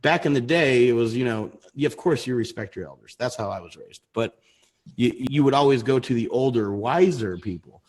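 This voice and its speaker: Husky rambling man in his thirties. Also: medium pitch, lively intonation, normal speed, a little mellow. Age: 30s. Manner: rambling, restarts sentences. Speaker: co-host. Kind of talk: casual livestream chat.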